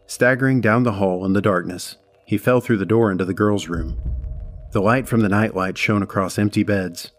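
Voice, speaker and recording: A man giving a measured, dramatic scripted horror narration. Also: on the low side, soft background music.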